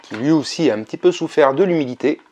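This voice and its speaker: A man narrating a casual vlog, relaxed and chatty, with frequent hesitations. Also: on the high side, fast, a little hiss or hum. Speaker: video game collector vlogger.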